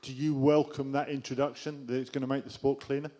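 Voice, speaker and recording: A man's voice: medium pitch, little pitch movement, quick pace, mellow. A man journalist asking a matter-of-fact question at a press conference.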